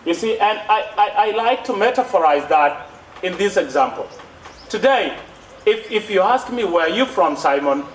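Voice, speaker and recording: A young man, born in South Sudan and raised in Kenya, speaks in a high, expressive voice at a normal speed with an East African accent. As a youth speaker at a conference plenary, he delivers an impassioned advocacy speech from a podium on an outdoor stage under trees, repeating phrases and asking rhetorical questions. The thin gooseneck mic picks him up from a distance, so the sound is echoey with background noise.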